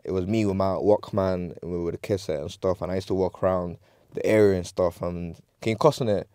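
A young man from Nigeria a low, mellow voice. He tells his stories in a laid-back, rambling way, leaning on "you know" all the time. The sound is dry and close, little room in it. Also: fairly even intonation, brisk, smooth, dry recording. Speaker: guest artist. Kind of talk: casual interview chat. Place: small recording studio, seated on a sofa.

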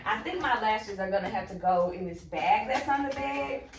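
A woman, a lash artist chatting excitedly to camera in a casual vlog from her home lash room, a little out of breath. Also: medium pitch, moderate pace, vocal fry, slight background noise. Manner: excited and chatty, uses "y'all".

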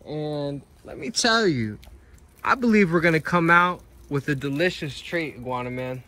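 A man's voice: on the high side, animated, normal speed, pushed and bright. A man hosting an outdoor cooking vlog, upbeat and saying y'all a lot. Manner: upbeat, says y'all often. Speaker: vlog host. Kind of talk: casual vlog chat.

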